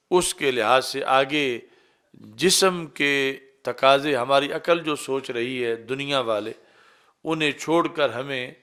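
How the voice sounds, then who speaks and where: A man who is an Islamic scholar, giving a religious lecture in a measured, explaining way, with brisk stretches of recited Arabic. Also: medium pitch, fairly bright tone.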